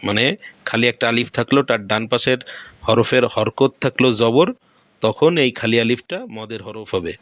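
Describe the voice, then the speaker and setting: A man's voice: mid-range voice, moderate pace, fairly bright tone, dry recording. A man with a Bangladeshi Bengali accent teaching Quran recitation pronunciation step by step. He repeats each point and asks questions that he then answers himself.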